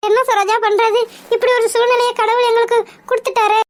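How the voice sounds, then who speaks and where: A woman voicing an anxious widowed mother in a cartoon, with a very high squeaky voice and a tearful, pleading manner. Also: level tone, fast talker. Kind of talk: cartoon voice acting.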